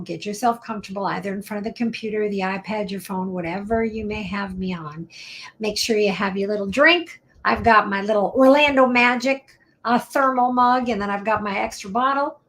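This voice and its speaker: A woman's voice: medium pitch, fairly bright tone. A woman attorney hosting her own live Q&A stream, talking in a chatty, upbeat way with the odd whispered aside. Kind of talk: casual live-stream talk.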